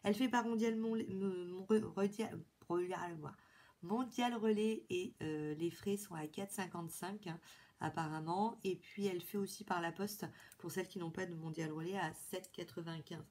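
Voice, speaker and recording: A woman's voice: on the low side, moderate pace, a little mellow. A woman from France chatting enthusiastically through a haul video, full of fillers and restarts. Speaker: beauty vlogger.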